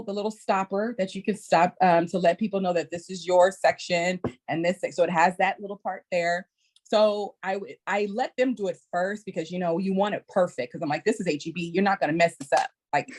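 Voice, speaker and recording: A woman educator telling a story on a podcast in a lively, animated way, acting out children's voices. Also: medium pitch, a little fast. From Texas. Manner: lively, acts out kids' voices with squeals. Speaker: early childhood educator guest.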